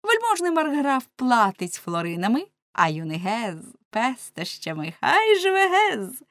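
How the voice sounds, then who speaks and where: A woman voicing a band of merry, reckless young women, loud and gleeful. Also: sits high, huge pitch swings, unhurried, no room sound, voice pushed up, full character voice. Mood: teasing. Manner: exclamatory, gleeful.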